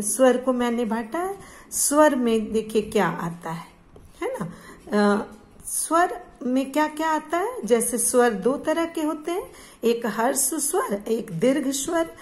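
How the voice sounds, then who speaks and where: Slow-speaking woman teaching a grammar lesson. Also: on the high side. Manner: slow, repetitive, asks questions and answers them herself.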